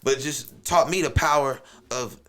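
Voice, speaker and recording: A man in his thirties telling a story on a podcast in a lively way, acting out quotes, swinging between hushed soft voices and loud outbursts. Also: mid-range voice, unhurried. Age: 30s. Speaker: podcast guest. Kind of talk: animated storytelling.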